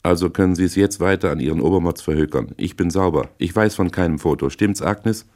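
A man doing a gruff, shifty crook. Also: low-pitched, fairly quick, darkish tone, pitched above the performer's own voice. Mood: surly. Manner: gruff, grumbling replies. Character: shifty small-time male crook, sullen and defensive.

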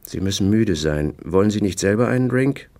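A man reading the lines of a composed, reserved grown woman in an audiobook, barely shifting his own deep voice. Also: animated, brisk, a little mellow. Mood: polite.

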